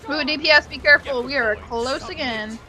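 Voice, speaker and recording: High-voiced woman rallying raid healers. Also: bright, forceful tone. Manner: brisk, rallying commands. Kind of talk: live gameplay call-outs.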